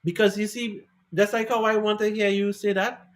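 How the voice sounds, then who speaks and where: Guy hosting a music podcast, kinda high voice, laid back and chatty. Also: moderate pace. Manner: relaxed, chatty, encouraging. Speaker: podcast host and DJ. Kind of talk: casual interview chat.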